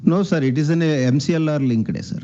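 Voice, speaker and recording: On a dull, band-limited conference call line, an Indian bank executive answers questions during an earnings call. His voice is fairly high, brisk, and dark-toned, with a little hiss or hum. Deferential, he repeats himself and says "sir" often.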